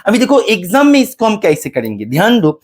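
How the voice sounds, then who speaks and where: A man teaches a math lesson, walking through each step and calling his students beta. His pitch rises and falls a lot, and he slows right down when spelling out formulas. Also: wildly swooping pitch. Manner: explains step by step, addresses students as beta, mixes English terms. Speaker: mathematics teacher. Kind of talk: exam-solution math lecture.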